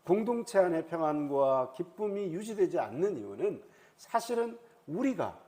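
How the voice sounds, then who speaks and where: A male pastor preaching at an early morning prayer meeting in a high, lively voice that rises and falls widely. He keeps acting out what people in the story say. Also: moderate pace. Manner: animated, acts out quoted speech.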